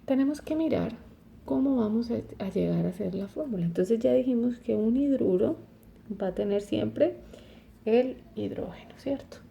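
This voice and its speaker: A woman's voice: mid-range voice, vocal fry, warm tone, a little hiss or hum. A woman teaching a chemistry lesson, explaining step by step and often checking with "¿cierto?". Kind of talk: recorded online lesson.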